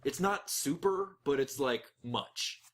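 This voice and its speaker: A man's voice: mid-range voice, lively intonation, slow. A man voicing a drowsy young male college student who explains things thoughtfully, in a tabletop game. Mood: explaining.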